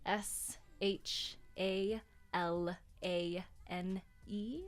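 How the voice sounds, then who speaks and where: On a radio studio chat, a woman guest with a fairly low voice explains business funding calmly. Her manner is relaxed and explanatory, and she spells things out slowly.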